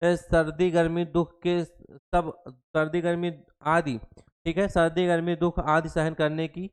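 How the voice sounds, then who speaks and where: A young male teacher runs an exam-prep Hindi lesson, mixing English terms into his Hindi. He repeats each definition several times and keeps quizzing his students. His voice is smooth and clear, pitched a little high for a man. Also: flat delivery, measured pace. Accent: Hindi with English terms mixed in. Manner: repeats each definition, asks the class questions.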